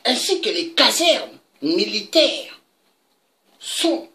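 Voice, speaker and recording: A political commentator, a woman, delivers an impassioned monologue that is emphatic and indignant, with dramatic leaps in pitch. Her voice is very animated, bright and forceful, and she takes it slowly.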